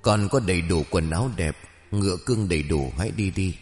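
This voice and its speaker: A man voicing a kindly, wise old fairy spirit who gently comforts a girl in a folk tale. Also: low voice, brisk, long reverb tail, soft background music, natural voice. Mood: soothing.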